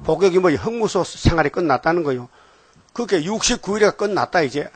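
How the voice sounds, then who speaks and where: A man's voice: high-pitched, lively intonation, brisk, breathy edge, no room sound. An older man giving an informal, rambling sermon, often checking on listeners with short questions. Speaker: preacher.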